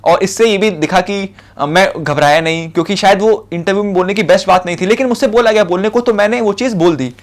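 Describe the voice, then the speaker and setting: A young adult man with an Indian accent, a civil services officer, lectures on interview advice in a casual, conversational style full of fillers and repeated short points. He talks fast in a high-pitched voice, barely pausing.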